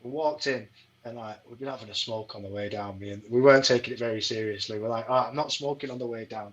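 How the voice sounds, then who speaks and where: A man talking casually on a podcast, swearing freely and telling rambling fight stories. His voice sits at an ordinary middle pitch for a man. He keeps checking in with "do you know what I mean". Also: fairly even intonation, fast talker, fairly bright tone, low-quality recording. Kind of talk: casual chat.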